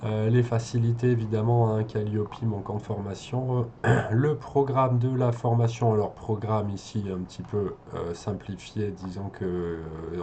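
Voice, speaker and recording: A man with a lowish, mellow voice talks his way through a website review as an SEO consultant. He thinks aloud, hesitating often, restarting phrases and filling gaps with drawn-out fillers. The tone is casual and exploratory rather than scripted. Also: slight background noise.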